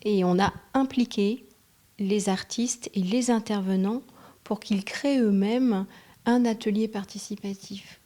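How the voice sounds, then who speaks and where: A woman's voice: medium pitch, steady tone, a little slow, warm tone. A woman organizer presenting her event on TV, earnest and hesitant with fillers. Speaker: association organizer. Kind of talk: TV interview.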